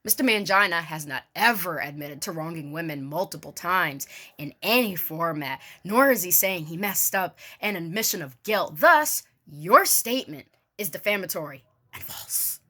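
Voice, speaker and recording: An animated, lowish voice that is bright and forceful carries this online video creator's theatrical mock-formal dramatic reading at a moderate pace. She punctuates it with casual, sarcastic asides that include swearing.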